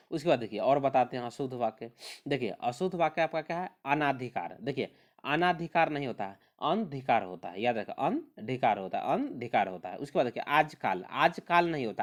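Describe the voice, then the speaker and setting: Male exam tutor, animated intonation, repetitive drilling style. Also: medium pitch. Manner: repetitive, drilling correct spellings; calls on listeners to remember. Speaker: teacher. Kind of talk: exam prep lesson.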